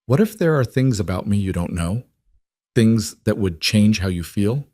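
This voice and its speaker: A man voicing a gentle adult woman who hides her wealth, speaking softly and earnestly in a storybook reading. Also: on the low side, lively intonation, moderate pace, no room sound, clean studio sound. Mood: tender.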